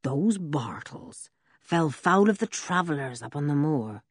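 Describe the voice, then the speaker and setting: A woman voicing an old male village blacksmith who tells a story slowly and in a rustic way, with a husky voice. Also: very deep voice, expressive, dry recording, studio quality, full character voice. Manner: slow, drawn-out, rustic storytelling. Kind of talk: audiobook character reading.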